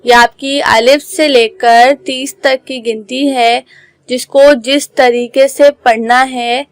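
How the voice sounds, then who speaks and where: A woman school teacher giving an online class, spelling out words slowly letter by letter. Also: fairly high pitch, dry recording, poor audio. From Pakistan. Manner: slow, careful letter-by-letter dictation.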